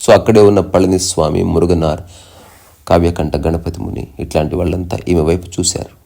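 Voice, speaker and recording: A man giving a spiritual discourse as a teacher, slowly chanting Sanskrit verses and then explaining them in plain words. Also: low voice, steady tone, creaky, warm tone.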